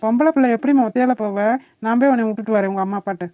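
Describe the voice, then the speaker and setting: A woman's voice: fairly high pitch, racing, no room sound, lightly acted. A kindly village uncle, voiced by a woman in a cartoon. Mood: caring. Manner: gentle, fatherly reassurance. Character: kindly village uncle, tired after work. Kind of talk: cartoon voice acting. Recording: dull, dry lo-fi sound.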